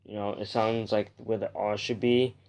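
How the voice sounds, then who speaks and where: A young man hosts a casual, rambling comic book review show in a lowish, slightly mellow voice with a level tone and moderate pace. He says W for R and sometimes slips on his L's.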